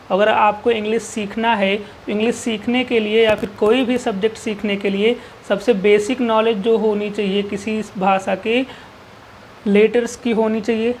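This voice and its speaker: A woman with a mid-range, slightly mellow voice teaches an exam-prep English grammar lesson, with slight background noise. She poses rhetorical questions and answers them herself, repeating key terms and drilling points with "ठीक है".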